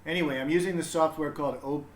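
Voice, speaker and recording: A fast-talking man with a fairly high pitch and steady tone chats through the setup of his livestream storybook reading as a parent, hesitant and thinking aloud. Background noise and echo fill the room.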